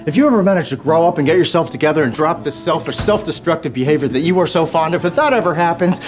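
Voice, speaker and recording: A man's voice: on the high side, lively intonation, fairly quick, close to an everyday voice. A male actor plays a grumpy, sarcastic diner owner in a TV comedy-drama. He rants in escalating comic indignation, piling complaint on complaint. Music plays behind him. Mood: angry.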